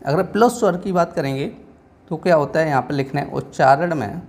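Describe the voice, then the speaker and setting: Gravelly Hindi-accented male teacher. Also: a little high, a little fast, darkish tone. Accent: Hindi from northern India. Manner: repetitive, quizzing listeners with rhetorical questions. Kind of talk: classroom lecture.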